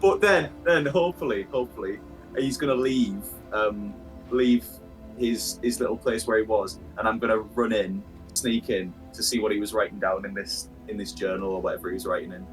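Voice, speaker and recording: A man's voice: fairly low pitch, fairly quick, faint music behind, low-quality recording. A man playing a tabletop role-playing game, flustered and often laughing as he improvises. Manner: flustered, laughing, self-interrupting. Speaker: player. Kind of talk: casual tabletop play.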